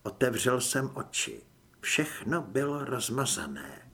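A man narrating a first-person audiobook with dramatic, lively storytelling. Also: medium pitch, slightly rough.

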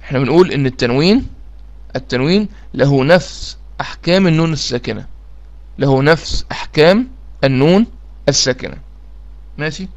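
A man's voice: fairly high pitch, animated, fairly quick, long pauses, highs cut off. A man with an Egyptian accent teaching a recitation lesson, repeating key phrases and checking that listeners follow. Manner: repetitive, drills key phrases, asks listeners if they follow. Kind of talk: explanatory lesson.

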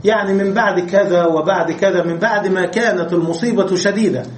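A man's voice: high voice, steady tone, fairly quick. A man teaching Arabic grammar in a classroom lesson. He explains step by step and asks his students rhetorical questions. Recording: echoey room with faint noise.

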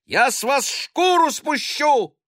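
A man's voice: very high-pitched, lively intonation, takes it slowly, no room sound, clean studio sound, pitched above the performer's own voice, exaggerated voice. A man doing a scolding rural woman nurse. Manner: scolding, shouting.

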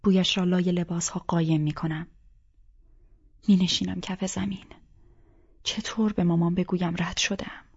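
A woman reading a first-person audiobook in a soft, intimate voice that often sinks to a half-whisper, on a dull lo-fi recording. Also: fairly low pitch, level tone, long pauses, breathy edge. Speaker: audiobook narrator. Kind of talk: first-person scripted narration.

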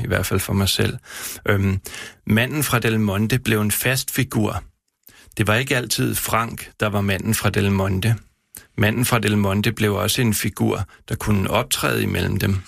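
Author-reader, male, low and very gravelly voice, halting when off the page, dry studio sound. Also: a bit bright, no echo. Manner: halting, repeats words when speaking freely. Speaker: author reading his own work. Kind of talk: reading aloud, then casual radio talk. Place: radio studio.

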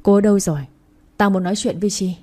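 Woman reading as a drunk heartbroken young man, slurred, bitter, husky low tone, storybook reading. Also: steady tone, fast talker, warm tone, lightly acted. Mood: furious.

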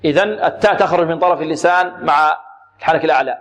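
A man teaching Quran recitation rules on a radio program. He asks questions and answers them himself, and he demonstrates letters slowly with repetition. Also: fairly high pitch, a bit bright. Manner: demonstrates sounds slowly and repeats words. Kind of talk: tajweed lesson on an Islamic radio program.

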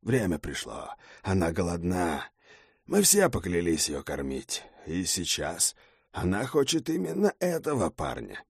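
Man doing a gruff, hulking gang leader. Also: deep voice, huge pitch swings, a little slow, no echo, studio quality, voice pushed down, exaggerated voice. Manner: blunt, growling. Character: gruff big male gang leader, blunt, boozy.

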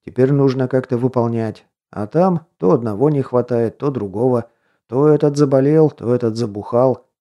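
A man voicing an overworked, gruff male family man in an audiobook, speaking bluntly and wearily. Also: mid-range voice, normal speed, mellow, close to an everyday voice. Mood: complaining. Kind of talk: audiobook character voice.

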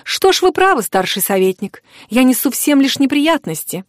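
A woman's voice: high voice, big pitch swings, moderate pace, no room sound, pitched above the performer's own voice. A defiant young noblewoman speaks in a raised, emotional voice, put on by a woman reading an audiobook. Her lines swing between bitterness and alarm, and the sound is dry and close with no room around it. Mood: sad, bitter. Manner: emotional, exclaiming.

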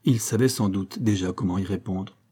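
A man narrating a novel as an audiobook, in a measured storytelling manner. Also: deep voice, dark tone, slightly rough.

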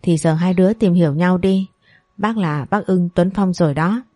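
A kindly old woman who fusses over her family, read by a woman narrator. Her low, mellow voice comes across warm and motherly. It is a dry recording with soft music underneath. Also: normal speed, no echo, natural voice.

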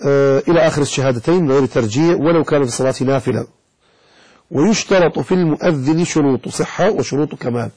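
A man's voice: on the high side, fast, a little mellow, breathy edge, low-quality recording. A man, a sheikh teaching a religious lesson from a text. He scolds common mistakes and chants lines of the call to prayer to show right and wrong pronunciation. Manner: scolding, lecturing. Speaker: sheikh teaching Islamic jurisprudence.

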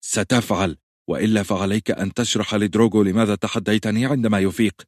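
A man's voice: fairly low pitch, fairly even intonation, fast, no room sound, studio quality, lightly acted. A man voicing a young pregnant queen who gives urgent orders, commanding yet frightened.

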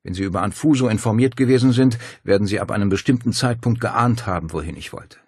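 A man's voice: lowish voice, fast talker, breathy edge, no room sound, studio quality, pitched above the performer's own voice. A man voicing a determined young woman who speaks urgently and decisively. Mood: tense.

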